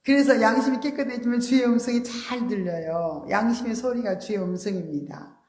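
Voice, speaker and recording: A woman preacher giving a sermon, explaining earnestly with soft, polite endings. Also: a little high, a little fast, reverberant. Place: church sanctuary.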